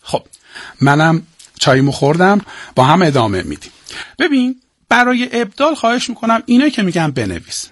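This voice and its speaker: A man teaching poetic meter goes over the rules for an entrance exam, with a lively voice that rises and falls a great deal. He speaks a little higher than most men and keeps asking his students questions, then answers them himself. The recording is dry and close. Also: no echo. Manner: animated, addresses students directly, asks and answers his own questions; slows down to spell out meters. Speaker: Persian literature teacher. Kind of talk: exam-prep lesson.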